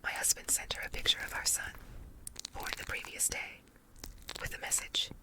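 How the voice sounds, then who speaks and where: A woman reading a story aloud as ASMR in a soft unvoiced whisper, layered into a doubled whisper track. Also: normal speed, rough recording. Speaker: story narrator.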